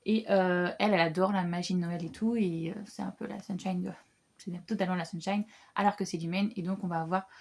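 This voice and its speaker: A woman's voice: lowish voice, steady tone, brisk, darkish tone. A young woman chatting casually about her reading plans as a book vlogger, with many fillers and restarts. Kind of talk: casual book haul chat.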